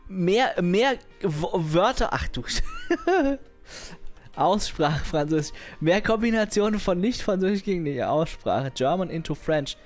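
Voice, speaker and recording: A man's voice: high voice, wildly swooping pitch, unhurried, faint music behind. A young man chatting casually on a livestream, rambling in slangy, crude language and laughing often.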